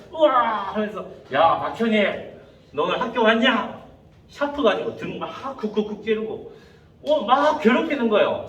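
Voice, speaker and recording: Animated pastor preaching in an echoey hall. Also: male voice, sits high, slight background noise. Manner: animated storytelling, acting out quoted voices. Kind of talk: sermon to youth. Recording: echoey room, voice from a distance.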